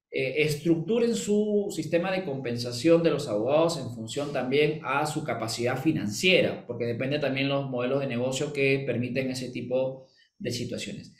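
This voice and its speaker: A man's voice: medium pitch, roomy sound. A man with a Peruvian accent, answering an interview question as a legal management consultant and explaining with rhetorical questions and quoted examples. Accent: Peruvian Spanish. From Peru.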